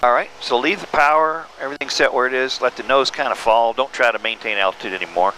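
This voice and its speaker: A man giving calm, step-by-step instructions as a flight examiner, talking over a pilot headset inside a small airplane. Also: mid-range voice, quick pace, rough recording. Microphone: aviation headset. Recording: aircraft cockpit intercom with engine noise.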